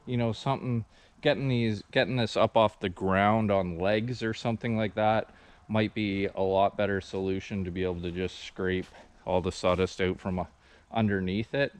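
Male, 40s, low smooth voice, rambling outdoor vlog walkthrough, arm's-length camera. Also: normal speed. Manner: relaxed, rambling explanation with many ums. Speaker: sawmill vlogger. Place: outdoors at a forest clearing sawmill site. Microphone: camera held at arm's length.

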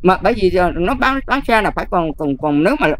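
An older Buddhist nun with a Southern Vietnamese accent, talking casually and emphatically, often checking whether the listener follows. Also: female voice, lowish voice, animated, quick pace. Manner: emphatic, keeps checking "see?". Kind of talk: casual advice talk.

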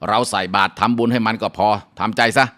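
A man's voice: lowish voice, fairly even intonation, fast talker, pushed and bright. A man voicing a blunt middle-aged village neighbor in a folk tale, giving harsh but consoling advice.

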